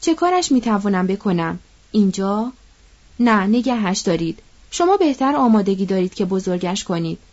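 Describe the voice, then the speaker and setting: A woman's voice: mid-range voice, very animated, a little mellow, muffled recording. A woman reading an audiobook, voicing a proud, defiant young mother who speaks bitterly. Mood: despairing. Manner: bitter and fiery.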